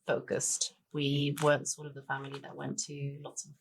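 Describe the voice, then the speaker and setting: A guest chef and cookbook author in her forties speaks in a rumbling low, gravelly voice with a breathy edge, monotone at a moderate pace. Danish-born and Tanzanian-raised, she chats easily through a relaxed interview, often saying "sort of" and "you know."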